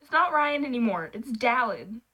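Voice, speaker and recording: A woman's voice: on the high side, sing-song, normal speed, pushed and bright. A woman reading fan fiction aloud, getting flustered, laughing and breaking off to react. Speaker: channel host.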